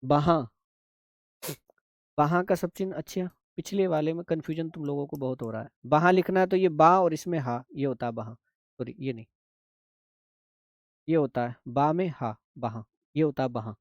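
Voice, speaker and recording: A man's voice: a little high, normal speed, long pauses, dry recording, studio quality. A man teaching a shorthand class online, going patiently through the steps and asking if his students understand.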